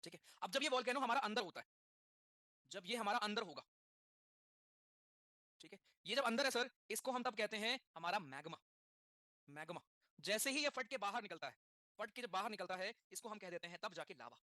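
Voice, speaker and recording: A man teaching a class, talking in a quick mix of Hindi and English, repeating key terms and asking the students questions. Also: sits high, animated, bright, forceful tone, dry recording, clean studio sound. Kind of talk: classroom lecture.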